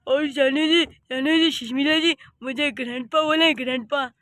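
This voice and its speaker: Cartoon role: a smooth-talking young husband, high and bright, voiced by a woman. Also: moderate pace, no room sound. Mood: fawning. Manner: sweet-talking, flattering.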